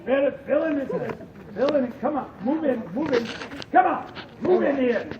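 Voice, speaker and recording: Casting: male ghost tour guide, high voice, theatrical folksy storyteller, heard distantly in an echoing room. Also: a little slow, crowd noise. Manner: dramatic, folksy old-time storyteller. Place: tour venue among a group of visitors. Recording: echoey reverberant room, distant mic, dull noisy audio.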